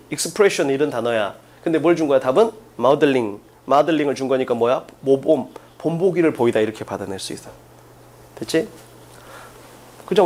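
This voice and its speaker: A man teaching an exam-prep English class, firing quick questions at students and stressing key points. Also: medium pitch, darkish tone. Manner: drills students with rapid questions, emphatic.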